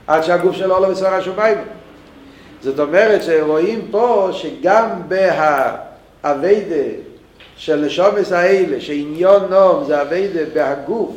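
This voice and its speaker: Man, Torah teacher, high voice, roomy echo, halting restarts. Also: a little mellow, slight background noise. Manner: thinks aloud with many restarts.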